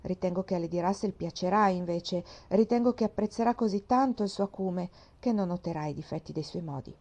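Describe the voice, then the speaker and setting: A woman reading the part of a composed, sensible young woman, speaking calmly and softly in a mellow voice. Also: lowish voice, fairly quick.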